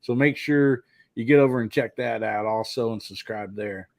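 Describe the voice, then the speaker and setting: A man's voice: mid-range voice, moderate pace, vocal fry, darkish tone, no room sound. A man hosting a casual live podcast, rambling with lots of fillers. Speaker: podcast host.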